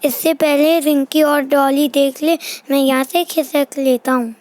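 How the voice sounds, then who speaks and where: A woman's voice: high-pitched, fairly even intonation, unhurried, darkish tone, no echo. A woman voicing a mischievous little boy in a toy doll play, muttering slyly to himself. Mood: sneaky.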